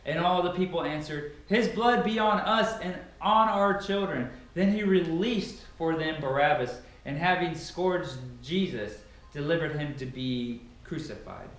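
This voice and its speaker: In a large, sparsely furnished living room with heavy echo, a camera at a distance records a young adult man's emphatic, declamatory Bible reading. His voice is a little high and fairly bright, unhurried and with few pauses.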